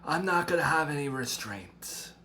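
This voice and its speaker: A man voicing a stern older grandmother who speaks in a measured, grave and threatening way, in an amateur drama. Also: on the high side, lively intonation, bright, forceful tone, a little hiss or hum. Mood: menacing. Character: stern protective grandmother, older woman, menacing resolve.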